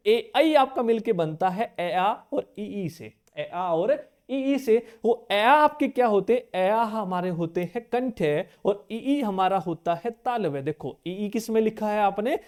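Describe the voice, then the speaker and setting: A man's voice: sits high, a little mellow. A male teacher giving an exam-prep grammar lesson who fires questions at his viewers, answers them himself, repeats key terms to drill them and casually calls them brother.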